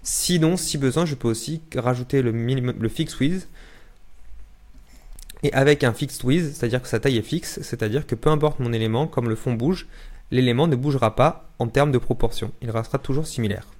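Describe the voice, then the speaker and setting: A young man walks viewers through a software tutorial, narrating each step as he works. His delivery is relaxed and conversational, the tone of someone thinking aloud at his desk. His pitch sits in an ordinary middle range. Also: brisk. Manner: relaxed explaining, thinking aloud while clicking. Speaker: no-code tutorial instructor. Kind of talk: screen-recorded software tutorial.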